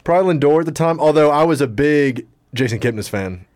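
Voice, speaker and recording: A man co-hosting a sports podcast, talking in a relaxed, agreeable way. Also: on the high side, brisk, dry recording, studio quality. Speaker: podcast co-host. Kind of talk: casual sports chat.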